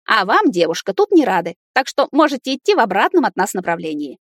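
A woman's voice: mid-range voice, big pitch swings, fast talker, dry recording, clean studio sound. A woman doing a stern scolding grandmother. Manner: commanding, scolding.

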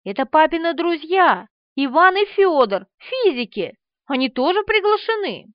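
A woman voicing an excitable, eager young woman in an audiobook. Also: very high-pitched, moderate pace, no echo, pitched above the performer's own voice. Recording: dry, slightly dull studio recording.

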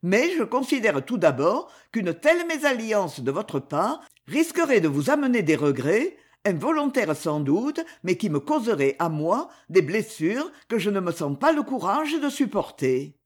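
A woman's voice: mid-range voice, big pitch swings, a little slow, hardly any pauses, slightly rough. A reader voicing a sad, proud young woman. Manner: sad, restrained.

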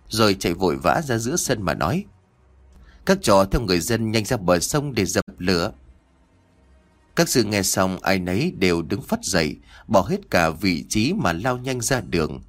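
A man narrating an audiobook story in an expressive, dramatic reading. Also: lowish voice.

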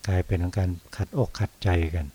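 A Buddhist monk from Thailand giving a dhamma talk, unhurried, often pausing on soft particles and repeating phrases. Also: male voice. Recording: dull lo-fi recording.

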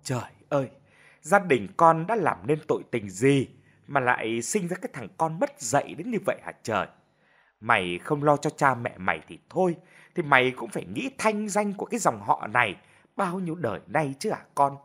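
A man voicing a sharp-tongued older village mother who berates her son in a shrill, rapid voice, in an audio story. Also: big pitch swings, breathy edge, exaggerated voice. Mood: scolding.

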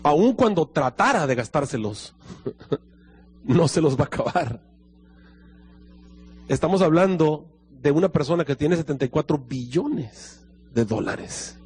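A man's voice: unhurried, long pauses, a little hiss or hum. A man preaching a sermon, telling a story and acting out both sides of the dialogue. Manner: storytelling, acting out dialogue with lively pitch swings.

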